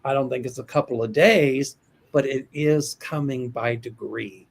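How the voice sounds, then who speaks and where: An older American man hosts a psychic livestream, reading out viewer questions hesitantly and ramblingly, with many restarts. His medium-pitched voice is steady and measured, with vocal fry.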